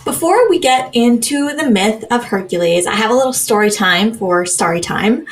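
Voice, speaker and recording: A woman's voice: on the high side, lively intonation, moderate pace. A young adult woman co-hosting a podcast in casual chat, chatty, often laughing, with plenty of ums and likes. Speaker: podcast co-host.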